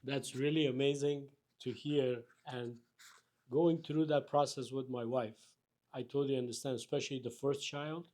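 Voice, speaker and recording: A man's voice: medium pitch, steady tone, normal speed, a little mellow. A man from Afghanistan hosting an interview, asking thoughtful questions. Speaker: interview host. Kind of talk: conversational interview.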